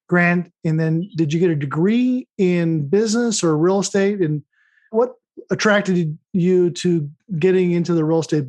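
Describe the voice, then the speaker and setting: A man hosting a podcast, introducing guests and asking questions in a conversational way. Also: high-pitched. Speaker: podcast host.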